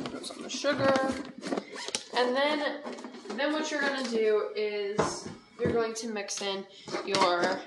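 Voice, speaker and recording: A woman's voice: medium pitch, very noisy. A young woman casually talking through a recipe in her home kitchen, rambling and poking fun at herself. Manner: rambling, chatty, self-deprecating. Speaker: podcast host. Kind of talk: casual cooking talk.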